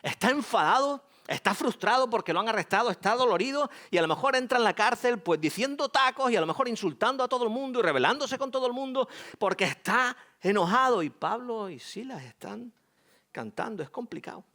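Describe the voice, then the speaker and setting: A middle-aged man with a Spanish accent from Spain preaching a sermon as pastor, animated and joking in a conversational way. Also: very high voice, a little fast.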